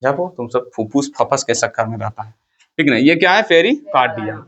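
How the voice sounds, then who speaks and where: A man's voice: mid-range voice, expressive, normal speed, fairly bright tone, muffled recording. A man teaching a class, firing questions at the students and repeating the key terms. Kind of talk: classroom lecture.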